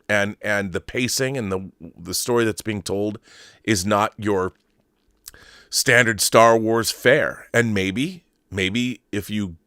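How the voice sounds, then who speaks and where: In a clean studio recording free of room sound, a middle-aged man with a lowish voice and fairly bright tone hosts a film fandom livestream. An excited fan with definite opinions, he gives casual commentary and takes viewer messages, rambling and saying words over again as he thinks.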